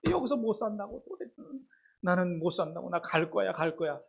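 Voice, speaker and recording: Sermon bit: a man acting a grumbling young pastor's wife, high and pleading. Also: expressive, a little fast, vocal fry, slight background noise. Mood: complaining. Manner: whiny, complaining, tearful pleading.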